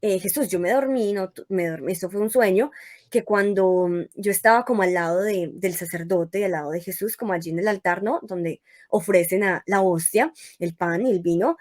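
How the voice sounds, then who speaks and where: Young woman telling a lively faith testimony. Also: medium pitch, moderate pace. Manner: lively storytelling that acts out her own past words. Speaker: guest giving a faith testimony. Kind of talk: casual testimony in an interview.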